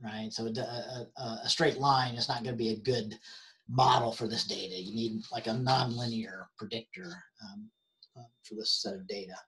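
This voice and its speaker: A man instructor talks through an online help session at a middle pitch. He stumbles and restarts often, filling gaps with ums. His voice is wearing out. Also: fairly even intonation, a bit bright. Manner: halting, many fillers and restarts. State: losing his voice. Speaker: university instructor.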